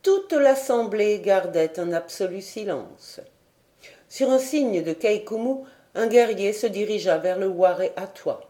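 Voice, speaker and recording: A woman reading a classic adventure novel as an audiobook, with measured, even storytelling. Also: mid-range voice. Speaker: audiobook reader.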